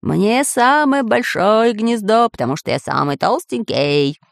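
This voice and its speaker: A woman voicing a plump, self-satisfied male pirate in a children's audiobook, with a slow drawl. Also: medium pitch, expressive, creaky, no room sound, studio quality. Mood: smug.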